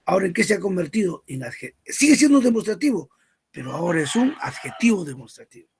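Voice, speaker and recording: A man's voice: high-pitched, very animated, quick pace, vocal fry, a little mellow, breathy edge. A man teaching a grammar lesson, who asks questions, answers them himself and repeats word lists.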